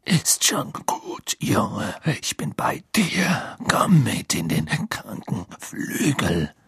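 A man voicing a gruff older male auror, who speaks slowly in a low, rasping half-whisper. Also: very animated, a bit bright, no room sound, clean studio sound, exaggerated voice.

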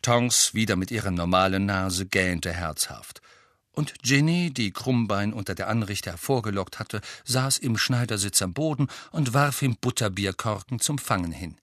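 Male audiobook narrator, measured storytelling, crisp and dry. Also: on the low side, a bit bright, no echo. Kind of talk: scripted narration.

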